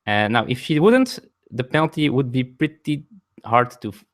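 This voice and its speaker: At a moderate pace, a man with a non-native English accent explains the rules of a board game on a live stream from his home table, his voice rising and falling sharply. He talks with viewers between turns and frequently corrects himself.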